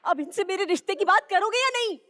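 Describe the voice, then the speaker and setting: A woman's voice: extremely high pitch, expressive, quick pace, pushed and bright. A woman acting in a comic sketch, pleading and scolding her partner.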